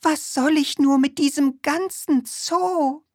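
A woman voicing a forgetful, flustered female witch in a storybook, chanting spells in a slow sing-song. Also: sits high, darkish tone, no echo, clean studio sound, pitched above the performer's own voice. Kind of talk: storybook reading.

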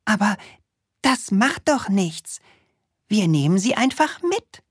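A woman's voice: medium pitch, sing-song, husky, no echo, clean studio sound, pitched above the performer's own voice, exaggerated voice. A woman voicing a small, cheerful, eager male storybook character who coaxes and hurries the others along. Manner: pushy and hurried, coaxing.

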